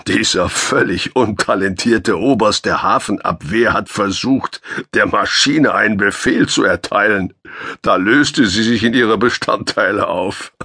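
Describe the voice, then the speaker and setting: A man's voice: fairly low pitch, measured pace, sharp tone, slightly rough, voice pushed up, heavily acted. A man doing a jovial giant of a spacer. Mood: amused teasing. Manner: friendly, teasing banter. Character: giant good-humored male spacer, deep-voiced and teasing.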